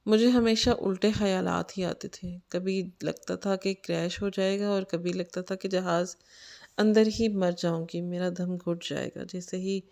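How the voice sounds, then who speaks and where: A woman's voice: on the low side, gravelly, darkish tone. A woman narrating a story in the first person, earnest and anxious.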